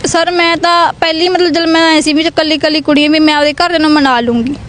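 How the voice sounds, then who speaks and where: A young woman from Punjab with a very high voice speaks quickly. She tells her grievance in an urgent, pleading tone. Faint traffic noise sits behind her. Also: fairly even intonation, fairly bright tone. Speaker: interviewee. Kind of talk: emotional news interview.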